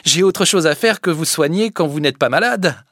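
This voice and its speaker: A man's voice: a little high, animated, moderate pace, no room sound, clean studio sound, voice pushed up. A man reading an audiobook, voicing a stern, commanding young village girl who scolds firmly. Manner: firm, scolding, then gentle. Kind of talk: audiobook character voice.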